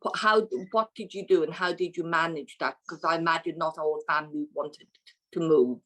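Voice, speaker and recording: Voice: medium pitch, normal speed, pushed and bright, poor audio. A participant in an online session who asks a polite, thoughtful question with a few small restarts. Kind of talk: asking a question on a video call.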